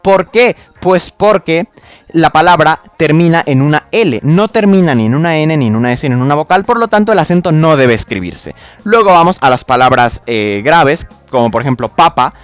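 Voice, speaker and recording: A man's voice: on the high side, animated, normal speed, smooth, no room sound, soft background music. A man ranting about spelling rules, exasperated, mocking and full of swearing. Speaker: video creator. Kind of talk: explanatory rant.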